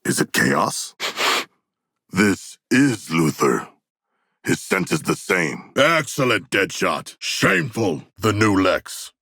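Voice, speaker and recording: A man voicing a hulking shark-man in a video game, gravelly, formal and articulate, earnest yet bloodthirsty, with stilted deadpan phrasing. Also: sits low, slow pace, no echo, clean studio sound, exaggerated voice.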